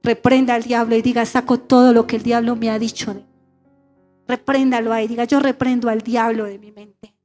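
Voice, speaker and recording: A middle-aged woman pastor, fairly high-pitched with a level, darkish tone, preaches a little fast in a church sanctuary. Using call-and-response, she asks her congregation to repeat phrases after her over soft background music.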